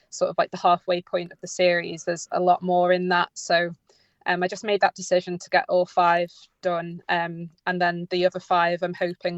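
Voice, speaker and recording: In a muffled, echo-free recording, a woman with a lowish voice answers radio interview questions as an audio drama writer and producer. Her answers are informal and unscripted, hesitant, and she frequently corrects herself mid-thought.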